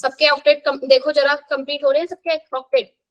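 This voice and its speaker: High-voiced woman teaching chemistry. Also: flat delivery, highs cut off. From India. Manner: brisk, questioning students, counting aloud. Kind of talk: live classroom revision lesson.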